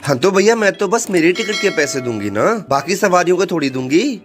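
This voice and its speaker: A man's voice: high-pitched, big pitch swings, fairly quick, over music, pitched above the performer's own voice. A man voicing an argumentative, indignant woman arguing over a bus fare in a comic skit. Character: brash bickering woman on a bus.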